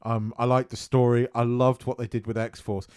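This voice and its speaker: A man co-hosting a casual film chat, animated and swearing freely, laughing often. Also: mid-range voice, normal speed, clean tone. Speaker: podcast co-host.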